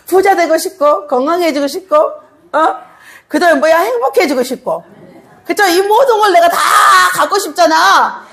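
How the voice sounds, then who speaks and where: A middle-aged woman pastor preaching a sermon, animated and teasing, asking the congregation questions, laughing, and breaking into shouts and a tearful tone. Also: extremely high pitch, takes it slowly, pauses often.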